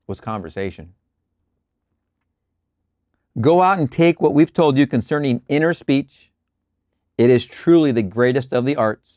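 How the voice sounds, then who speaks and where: A man with an ordinary mid-range voice reads lecture passages slowly and deliberately. He drops into casual asides and small chuckles between readings. The sound is dry and close. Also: mid-range voice, darkish tone, no room sound. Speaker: host reading and explaining lectures. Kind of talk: reading aloud with casual commentary.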